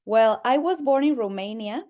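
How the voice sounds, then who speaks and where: A woman diplomat in her forties who grew up in Mexico City, telling her story in an earnest, measured way as a guest. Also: fairly high pitch, expressive, dark tone. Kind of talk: interview answers.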